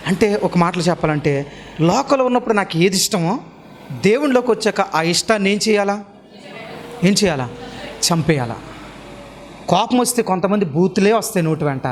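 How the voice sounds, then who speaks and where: A man preaching to his congregation in a very high-pitched voice. He peppers them with rhetorical questions and repeats each one. Now and then he punches out a line with sudden force. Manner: emphatic preaching with sudden loud bursts. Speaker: pastor. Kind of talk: sermon.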